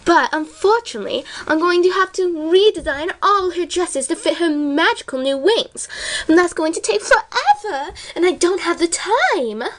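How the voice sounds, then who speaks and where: A woman's voice: extremely high pitch, animated, moderate pace. A woman voicing a posh, dramatic female cartoon unicorn who fusses theatrically. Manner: theatrical, fussy.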